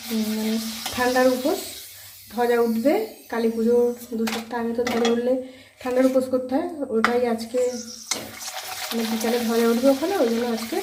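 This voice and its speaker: A hoarse woman chatting casually to her viewers as friends while cooking at home. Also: on the high side, fairly even intonation, a little fast, pauses often, echoey room, noisy background. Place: home kitchen. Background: frying and sizzling.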